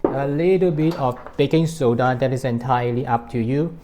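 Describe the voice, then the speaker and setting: Against a noisy background, a man with a Malaysian accent demonstrates a recipe to camera as a cooking show host, explaining step by step. Born in Hong Kong and raised in Malaysia, he speaks at medium pitch with fairly even intonation and a moderate pace.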